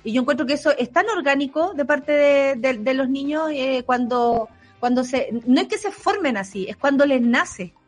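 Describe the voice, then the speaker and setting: A woman's voice: sits high, expressive, moderate pace, few pauses, soft background music. A Chilean woman co-hosting a podcast, telling stories in casual, slangy chat and laughing often. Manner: chatty storyteller, slangy and laughing. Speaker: podcast co-host.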